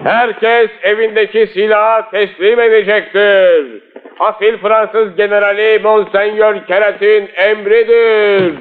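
A town crier calls out official orders in a high voice. The delivery is slow, formal and drawn out, as in a period film, on a tinny old soundtrack. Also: male voice, fairly even intonation, noisy background. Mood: proclaiming, stern. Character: loud town crier proclaiming military orders. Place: outdoor market streets.

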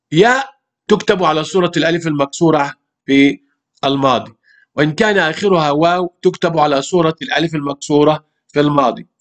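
A man with an Egyptian Arabic accent teaches young pupils a grammar lesson in a slightly raised voice. He speaks patiently, repeating each word and asking his class rhetorical questions as he explains. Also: on the high side. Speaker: primary school Arabic teacher.

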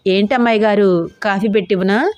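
A woman's voice: mid-range voice, moderate pace, a little mellow, no echo, natural voice. A woman voicing a kindly household maid who fusses over her young mistress in a motherly way. The recording is dry and close. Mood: fussing. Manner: fussing, motherly.

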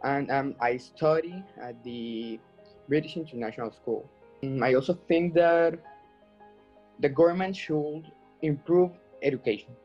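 A teenage boy from Colombia, a Spanish native speaker, speaking calmly into a laptop camera. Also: fairly high pitch, unhurried, lo-fi sound, faint music behind. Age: teens. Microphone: laptop webcam.

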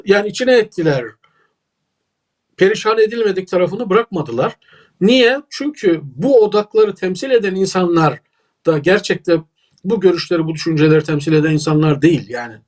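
A man's voice: high voice, expressive, moderate pace, a little mellow. A man with a Turkish accent, a political scientist giving emphatic, lecturing analysis as an interview guest.

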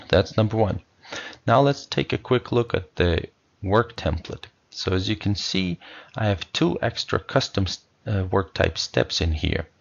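A man walking through business software in a screencast tutorial, explaining in a relaxed way with many fillers. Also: low-pitched, vocal fry, breathy edge, highs cut off.

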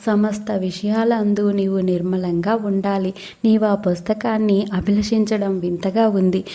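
Woman voicing a calm old saint, gently scolding. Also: medium pitch, measured pace, close to an everyday voice. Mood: calm rebuke.

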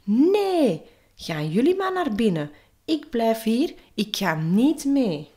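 A woman voicing a small, curious and stubborn boy knight in a read-aloud storybook, shouting defiant no's. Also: medium pitch, wildly swooping pitch, slow pace, creaky, exaggerated voice.

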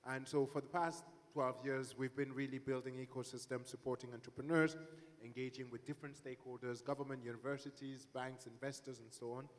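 A man from Cameroon introducing himself on a conference panel, steady with some fillers, on a handheld mic in a large hall. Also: mid-range voice, brisk. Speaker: panelist, hub director. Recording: long hall reverb.

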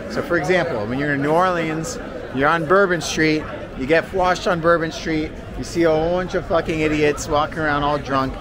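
Carrying a handheld camera through city streets and pubs, a man vlogs about his travels in a brisk, slangy, chatty manner. His voice sits on the high side, with crowd noise and music in the background.

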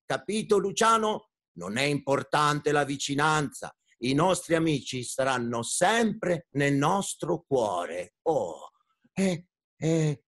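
A man's voice: on the high side, sing-song, slow, fairly bright tone, exaggerated voice. A man playing a courteous, kindly father in a children's story, speaking formally to talking dogs. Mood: warm. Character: polite, kindly father of a boy.

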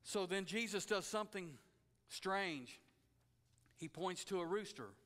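A male pastor preaching a sermon, folksy and conversational, building to shouts. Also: high voice, expressive, a little slow. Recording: long hall reverb.

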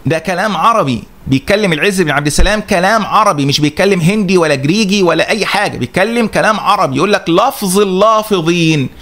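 A man's voice: sits high, expressive, racing, hardly any pauses, a bit bright. A man with an Egyptian accent giving a religious lecture, who keeps asking rhetorical questions and answering them himself. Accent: Egyptian Arabic. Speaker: religious teacher. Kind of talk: religious lecture refuting a critic.

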